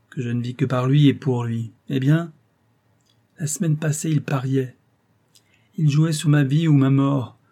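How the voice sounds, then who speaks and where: A man voicing an anguished middle-aged contractor father in an audiobook, speaking loudly in a hoarse, clipped, emphatic way. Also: mid-range voice, close to an everyday voice. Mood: indignant. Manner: loud, grieving, emphatic pleading. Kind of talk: audiobook character voice.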